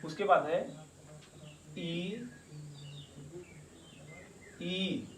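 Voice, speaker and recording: Slow, deliberate male teacher in echoey room. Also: sits high. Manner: slow, repeating and drawing out sounds. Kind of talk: slow classroom-style grammar lesson. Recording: echoey room, distant mic, faint noise.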